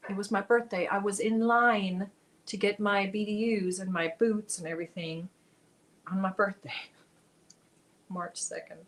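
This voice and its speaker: Speaking a little slowly with long pauses, this German woman has a medium-pitched voice and fairly even intonation. She hosts a relaxed crochet livestream, chatting, reading viewers' comments out loud, and murmuring stitch counts.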